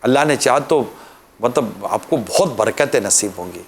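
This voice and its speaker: A male preacher giving an impassioned Islamic sermon, pleading with listeners and dropping to soft, earnest tones. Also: medium pitch, lively intonation, slight background noise.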